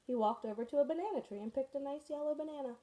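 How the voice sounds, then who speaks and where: A woman teacher reads a children's picture book aloud to her class, telling the story expressively and adding friendly asides. Her voice sits high with a dark tone, and she speaks rapid-fire.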